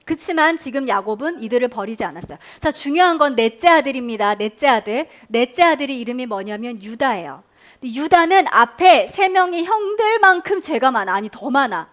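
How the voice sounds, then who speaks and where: A woman's voice: sits high, a little fast. A woman preaching a Sunday school sermon to children, quizzing them and leading them in repeating phrases. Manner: animated, questioning children and leading call-and-response. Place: church Sunday school room.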